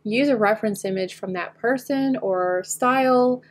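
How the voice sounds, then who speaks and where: This slightly nasal woman, recovering from a head cold, talks at a normal pace in a voice that sits a little high. She narrates her photo editing tutorial as a screen recording, thinking aloud and frequently letting her words fade into quiet.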